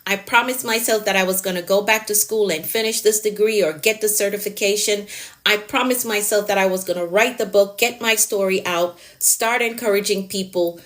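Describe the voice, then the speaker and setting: A productivity coach speaks on a live stream in a medium-pitched, steady, fairly bright voice at a slightly quick pace. She is encouraging and motivational, emphatically repeating her key phrases and replying to comments from viewers.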